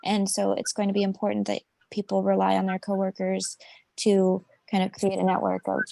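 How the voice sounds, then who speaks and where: A woman's voice: medium pitch, completely flat delivery, moderate pace, gravelly, mellow, no echo. A woman speaking at a community meeting in an earnest, reassuring way. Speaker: meeting participant. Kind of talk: casual meeting talk.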